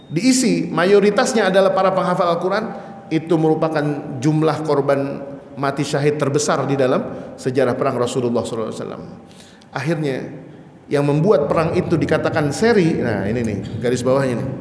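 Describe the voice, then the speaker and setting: A male preacher giving an Islamic study lecture, telling the story with animation and acting out shouted quotes. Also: a little high, a little fast, a little hiss or hum. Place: mosque hall. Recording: echoey mosque hall.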